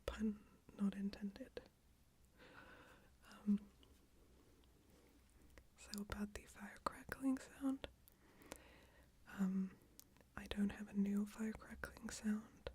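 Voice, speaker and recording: A woman speaking in a hushed, breathy near-whisper, rambling casually and a little self-consciously in a bedtime ASMR style, with hesitant pauses. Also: mid-range voice, steady tone. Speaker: ASMR video creator. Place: small closed room with screens and a PC. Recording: faint background noise, occasional crackles and clicks. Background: occasional crackling from screens and PC.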